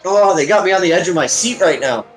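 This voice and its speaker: Excitable male sim racing commentator. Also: high voice, fast talker, rough recording. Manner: excitable, jokey, rising to shouts at incidents. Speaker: race commentator.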